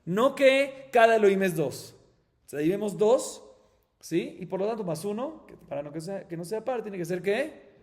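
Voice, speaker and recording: Colombian Spanish male rabbi, higher voice, explains step by step with rhetorical questions; reverberant hall sound. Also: lively intonation, normal speed, warm tone. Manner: explains step by step, asks and answers his own questions. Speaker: rabbi teaching Talmud. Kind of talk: Talmud class.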